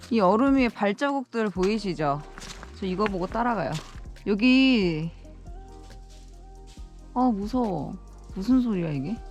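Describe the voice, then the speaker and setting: A woman's voice: mid-range voice, animated, a little slow, long pauses, a little mellow, lo-fi sound, faint music behind. A woman talking casually to viewers on an outdoor vlog, nervously muttering to herself as she walks carefully. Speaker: solo backpacking vlogger. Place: outdoors in an icy valley.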